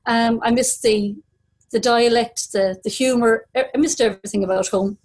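A woman in her fifties with a Kerry accent from the west of Ireland, telling a personal story in an unhurried, reflective way. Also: on the high side, steady tone, darkish tone. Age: 50s.

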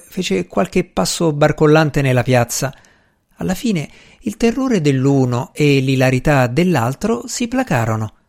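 A man's voice: fairly high pitch, vocal fry. Man narrating an audiobook. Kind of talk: scripted narration.

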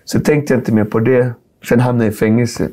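A middle-aged man, telling a personal story in a casual conversation, animated and full of slang and fillers. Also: mid-range voice. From Sweden. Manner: animated, acts out dialogue, street slang, lots of filler. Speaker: guest.

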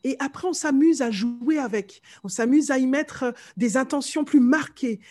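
A woman vocal coach as a podcast guest, chatting in a lively way with frequent fillers and easy laughter. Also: sits high, normal speed. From the islands. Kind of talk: conversational interview.

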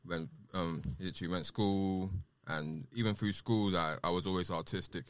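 A man with a deep voice and a South London roadman accent talks as a guest in a casual interview. His speech is informal and loosely rambling, full of street slang. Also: steady tone, normal speed, clear, resonant tone. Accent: South London, urban roadman. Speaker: podcast guest, rapper and producer.

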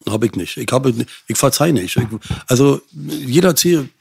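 Older male guest, gravelly voice, blunt and raw. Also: mid-range voice, animated, moderate pace, a little mellow. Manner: blunt, swears, relives angry outbursts. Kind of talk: telling his life story.

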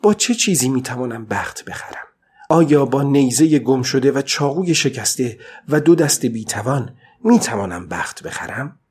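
A husky, worn-out old fisherman, read by a man, muttering to himself in a tired voice and then hardening into stubborn defiance. He lifts his pitch a little for this storybook figure, who stays alone and determined out at sea. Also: very animated, darkish tone. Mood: defiant. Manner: talks to himself, swinging from weary murmur to defiant outburst. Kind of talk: audiobook reading.

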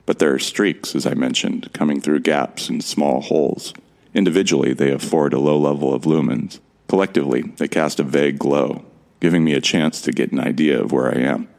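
A man with a rumbling low voice narrates an audio drama as a calm, wry amnesiac survivor given to self-deprecation. His delivery is gravelly, measured and introspective.

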